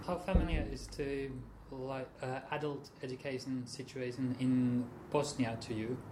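A man hosts the podcast at a mid pitch. He reads his introduction in a measured way. His questions come out with some hesitant fillers. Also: steady tone, background noise. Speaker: podcast host and interviewer. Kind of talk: scripted intro, then interview questions.

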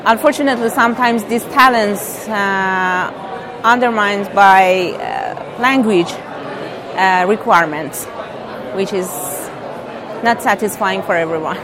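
30s woman from iran, pauses a lot, noisy crowd around. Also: medium pitch. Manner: hesitant, searching for words. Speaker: interviewee, student. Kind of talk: casual interview answers. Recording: crowd chatter behind.

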